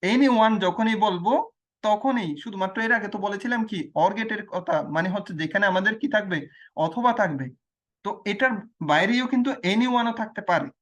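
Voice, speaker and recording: A male tutor with a high, slightly bright voice briskly explains logic gates during a screen demo. He patiently quizzes himself, answering his own questions, and restates every point by repeating key phrases.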